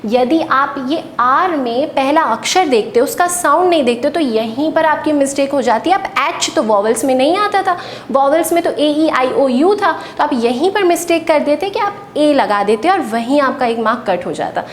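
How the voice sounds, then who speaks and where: A woman's voice: lively intonation, normal speed. A woman teacher, giving a patient classroom lecture and answering her own questions. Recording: echoey room with faint rumble.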